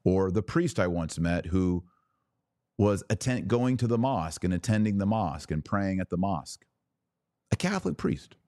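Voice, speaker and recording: This man hosts a podcast and speaks at a moderate pace in a low, animated, mellow voice. He delivers an impassioned religious monologue full of rhetorical questions and repetition, exhorting emphatically, recorded in studio quality without room sound.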